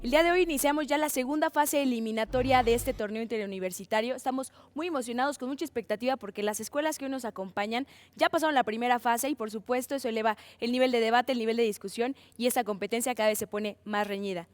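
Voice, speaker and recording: A woman hosting a televised university debate show in a formal, brisk announcer style. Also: on the high side. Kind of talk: scripted TV hosting.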